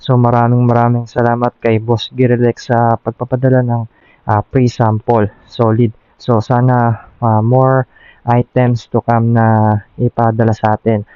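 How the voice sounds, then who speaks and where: With a medium-pitched voice that barely moves, this Filipino-accented motovlogger speaks at a measured pace in a clean, dry tone. He's casually demoing a product for a vlog via the Bluetooth intercom inside his motorcycle helmet, whose mic sounds dull amid loud noise.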